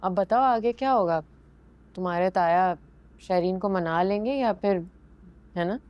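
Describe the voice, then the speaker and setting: An actress playing an outspoken young wife in a drama, with a Pakistani accent, speaking in a questioning, indignant way. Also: female voice, medium pitch, unhurried, lo-fi sound, lightly acted.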